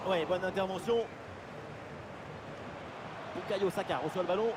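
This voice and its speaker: Male sports commentator, excited play-by-play, raised high pitch, exclamatory calls, loud noisy backdrop. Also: a little slow. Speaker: football commentator. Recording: loud stadium-like background noise.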